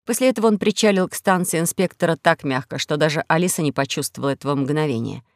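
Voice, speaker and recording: Audiobook narrator, woman, measured and even, dry close studio sound. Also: low voice, dry recording. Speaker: audiobook reader. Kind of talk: scripted narration.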